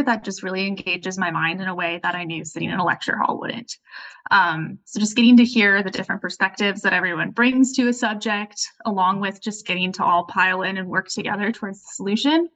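A woman's voice: mid-range voice, a bit bright, poor audio. A woman in her late twenties from Southern California, a student guest talking in an upbeat, earnest way. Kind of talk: conversational interview.

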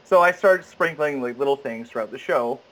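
A man in his thirties, an actor chatting as an interview guest, animated, laughing often and slipping into voices. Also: medium pitch, moderate pace, low-quality recording. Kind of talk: casual interview chat.

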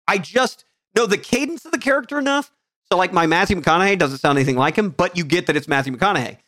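A man's voice: high voice, expressive, quick pace, a bit bright, dry recording, clean studio sound. A man co-hosting a podcast in casual banter, cracking jokes and slipping into goofy accents and impressions. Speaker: podcast co-host.

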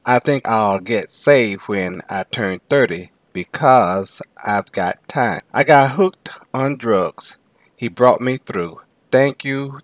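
A man reading as an earnest, struggling young single mother, telling her story slowly in the first person. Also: mid-range voice, no echo.

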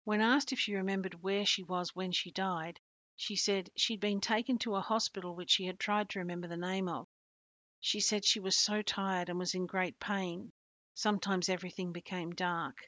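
A woman podcast host narrating a story in a steady, earnest reading voice. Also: medium pitch, normal speed, no echo. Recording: dull lo-fi dry recording.

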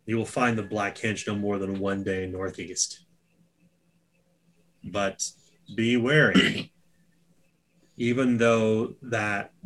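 A man's voice: fairly low pitch, fairly bright tone. A man voicing a grave, guarded forest elder. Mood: warning. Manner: grave, measured, ominous pronouncements.

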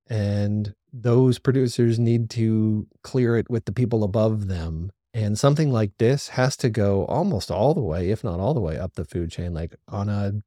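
A man with a lowish, mellow voice hosts a solo review podcast. He talks his opinions through aloud, analytical and opinionated. The sound is dry and close, with no room around it. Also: dry recording. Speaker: podcast host reviewing a TV series.

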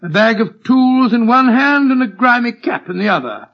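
An actor playing a genial, easily flustered older British doctor who bumbles and repeats himself, in a 1940s radio drama. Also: male voice, very high voice, lively intonation, moderate pace, full character voice. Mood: storytelling. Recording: muffled old radio recording.

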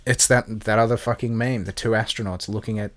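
A man co-hosting a podcast, his voice sitting on the low side. He talks casually and at length, swears often and keeps restarting his sentences. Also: fairly even intonation, brisk. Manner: sweary, rambling, lots of restarts. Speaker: podcast co-host.

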